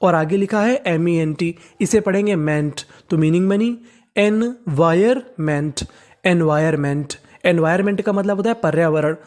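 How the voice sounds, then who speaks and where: An English teacher giving a step-by-step reading lesson, spelling words out letter by letter, then pronouncing each one slowly and repeating it, with rhetorical questions to the learner. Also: mid-range voice, a little mellow.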